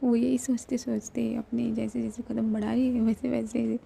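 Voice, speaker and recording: Young woman narrator, hushed whispered storytelling; raspy edge, slightly high voice. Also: flat delivery, moderate pace, slight background noise. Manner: hushed and intimate, chatty asides to viewers.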